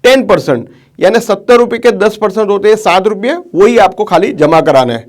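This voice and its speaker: A man voicing an elderly father who gently advises his son about saving money, in a storyteller's retelling. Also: sits high, lively intonation, a little fast. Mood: fatherly.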